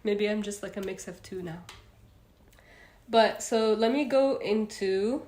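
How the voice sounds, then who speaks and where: Her voice sits at a middle pitch with a darkish tone as a chatty young woman from Egypt hosts a casual self-help livestream at a measured pace. She rambles with fillers and restarts and reads viewer comments aloud. The room echoes noticeably, with slight background noise.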